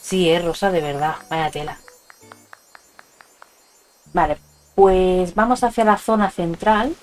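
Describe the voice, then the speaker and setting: This is a woman with a Spanish accent from Spain, speaking slowly in a lowish voice during a casual video game livestream. She chats warmly and informally with viewers, using terms of endearment. Behind her voice are game music and stream sound alerts.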